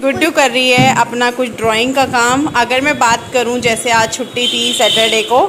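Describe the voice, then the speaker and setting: A woman's voice: on the high side, little pitch movement, normal speed, over music. A middle-aged woman from North India narrating a casual home vlog, chatting and explaining each step while she cooks. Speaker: vlogger. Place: home kitchen.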